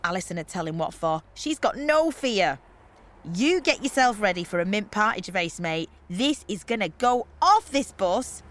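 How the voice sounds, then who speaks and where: A woman voicing a brash, loud party girl who talks in slang and swears casually. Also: mid-range voice, animated, normal speed, natural voice. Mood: scheming. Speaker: trip organiser.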